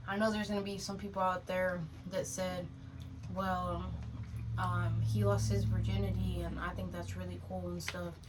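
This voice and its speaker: Heard through a distant mic with faint noise, a woman in her twenties co-hosts a podcast in casual, blunt, slangy chat, often saying "dude" and "bro." Her pitch is fairly low, her tone level, and her pace moderate.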